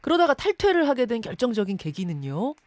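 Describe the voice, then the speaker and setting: A radio news show host, a woman, conducts an interview, articulate and emphatic as she poses questions to listeners and her guest. Her voice is on the high side, sing-song and fast, with no echo.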